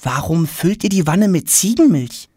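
Man doing a high eager schoolboy. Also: sing-song, normal speed, a little mellow, breathy edge, no room sound, clean studio sound, exaggerated voice. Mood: surprised. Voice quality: eager, questioning. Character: curious, hasty schoolboy, polite but impatient.

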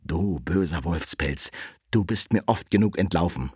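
A man voicing a hunter in a storybook, speaking low and matter-of-fact. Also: lively intonation, moderate pace, darkish tone, husky, dry recording, studio quality, exaggerated voice. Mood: gruff. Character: gruff male hunter, grown man.

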